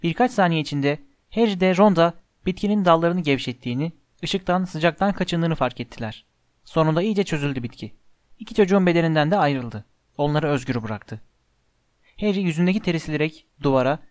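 A man reading a storybook aloud in a measured, steady way, close to the mic. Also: fairly high pitch, no room sound. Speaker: audiobook narrator. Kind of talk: storybook narration.

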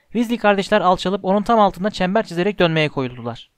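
A man's voice: high-pitched, expressive, fast, clear, resonant tone, dry recording. Man reading a storybook, dry and close. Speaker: audiobook narrator. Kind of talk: storybook narration.

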